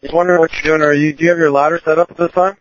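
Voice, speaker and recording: A man acting as fire incident commander, giving calm orders over a two-way radio, halting with fillers. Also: a little high. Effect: heard over a two-way radio. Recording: muffled lo-fi radio with faint hiss.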